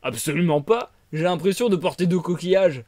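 Homme jouant un gros thon jovial. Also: male voice, sits high, lively intonation, brisk, mellow, no room sound, pitched above the performer's own voice. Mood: fort, généreux. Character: gros thon robuste et bienveillant.

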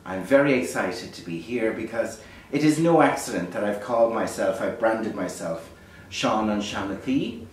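A man's voice: fairly low pitch, lively intonation, normal speed. A man from Ireland with a lilting Irish storyteller's delivery, talking casually and reflectively to camera. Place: beside a small fire in a dark stone hearth. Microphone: distant camera microphone. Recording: echoey, distant, faint background noise.

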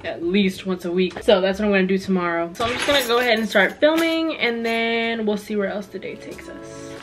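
A woman's voice: on the high side, fairly quick, over music. A woman around twenty talking casually to camera as a student vlogger in a small room. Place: small bedroom, indoors.

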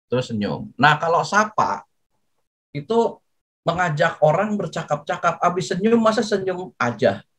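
An older man giving a lively, jokey talk to students, acting out greetings as he goes. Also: a little high, moderate pace, poor audio. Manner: jokey, animated, acts out greetings. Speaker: guest speaker.

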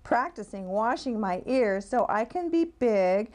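A woman voicing an eager little boy rabbit in a picture book, with a bright childlike delivery. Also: a little high, expressive, a little slow.

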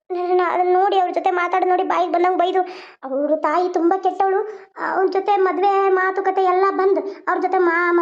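A woman voicing a caring young doctor, the gentle and pleading elder sister in a homemade cartoon drama. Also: very high voice, muffled recording. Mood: confiding.

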